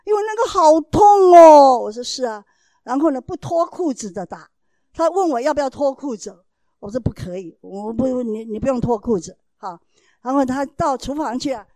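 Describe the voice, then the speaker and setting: Expressive woman telling a parenting story. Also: fairly high pitch, no echo. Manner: acts out dialogue in changing voices; earnest, explaining. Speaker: mother giving a parenting talk.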